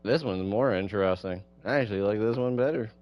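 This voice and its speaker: A lowish-voiced man livestreams a game at a moderate pace, musing casually, reading in-game dialogue aloud and repeating himself a lot. Music plays behind him, and the recording's highs are cut off.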